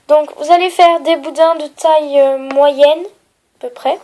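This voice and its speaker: A young woman with a stuffy nose from a cold, explaining a craft tutorial at home with many fillers and soft, trailing phrases. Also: high voice, steady tone, slow pace, rough recording. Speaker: polymer clay tutorial maker.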